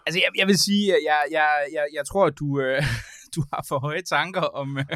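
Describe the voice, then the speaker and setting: A man's voice: fairly high pitch, fairly bright tone, no room sound, studio quality. A man in casual conversation as a podcast co-host, wry and ironic, stammering over his words as he starts. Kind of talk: casual chat.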